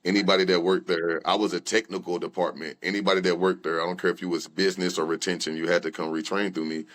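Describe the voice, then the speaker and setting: A man's voice: low voice, little pitch movement, quick pace, a bit bright. A young man, a rapper and guest, telling his personal story candidly in loose conversational talk with many fillers and restarts. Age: young adult.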